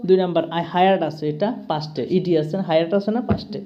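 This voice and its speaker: A woman with a Tripura Bengali accent teaches English grammar to students, patiently checking that they follow each step with "ঠিক আছে?". Her voice is lowish and fairly quick, and the recording is muffled.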